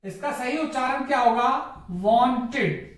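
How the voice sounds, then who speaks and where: Slow, high-voiced man teaching in an echoey room. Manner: drills words by repetition, asks and answers his own questions. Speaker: English pronunciation teacher. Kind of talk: classroom-style lesson. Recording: echoey room, mic far off.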